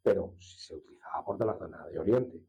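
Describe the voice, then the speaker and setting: A man from La Mancha speaks as an interview guest, explaining his craft at an easy pace and pausing to restart his sentences. His voice is mellow and fairly low. The recording sounds dull and lo-fi. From La Mancha, Spain. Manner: unhurried, explanatory, with hesitations and restarts. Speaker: master swordsmith guest. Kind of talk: conversational interview.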